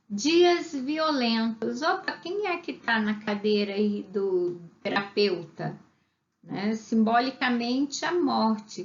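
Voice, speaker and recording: A woman teaching a literature class, chatty and lively, often checking in with her students. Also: on the high side, reverberant, lo-fi sound. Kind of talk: online class lecture.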